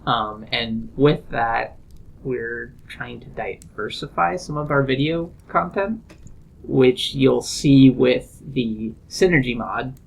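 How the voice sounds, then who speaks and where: A man's voice: mid-range voice, takes it slowly, creaky, rough recording. A man co-hosting a casual podcast, speaking hesitantly with many fillers. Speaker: podcast co-host.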